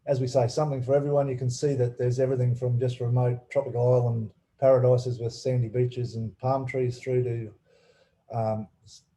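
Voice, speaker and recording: A man hosting a webinar, introducing guests in a halting way with many fillers and restarts. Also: medium pitch, dark tone, a little hiss or hum. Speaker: webinar host. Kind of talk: webinar presentation. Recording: slightly dull video call audio.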